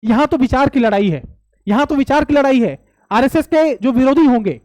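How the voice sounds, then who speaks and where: Young male coaching teacher lecturing, high voice, dry close sound, emphatic and repetitive with rhetorical questions. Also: animated, brisk, a little mellow, no room sound. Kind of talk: classroom-style lecture.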